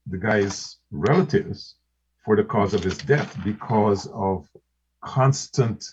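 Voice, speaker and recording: A man's voice: lowish voice, slow, slight background noise. A man co-hosting a casual podcast discussion, speaking hesitantly with many restarts and repeated words. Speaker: podcast co-host. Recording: muffled lo-fi podcast recording.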